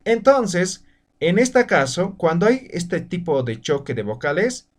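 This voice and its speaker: Male language teacher, fairly high, animated voice, drawn-out example words, frequent check-in tags. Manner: explains slowly, stretches example words, checks in with "¿no?" and "¿ya?". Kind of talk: spoken lesson over slides.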